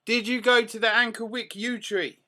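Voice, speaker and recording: A man's voice: very high voice, fairly even intonation, normal speed, pushed and bright. A man hosting an open mic live stream with playful, jokey, teasing banter.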